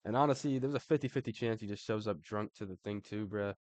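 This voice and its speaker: A man's voice: on the low side, quick pace, a little mellow, no room sound. A man giving casual, slangy commentary, swearing and tossing in "bro" constantly, with laughs between remarks. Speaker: online commentator ranking fighters.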